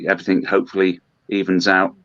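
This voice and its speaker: A man from Hong Kong, a brewery representative, talking in a podcast interview with many pauses and restarts. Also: sits low, monotone, fairly bright tone, no echo. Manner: hesitant, many ums and restarts. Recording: dull lo-fi dry sound.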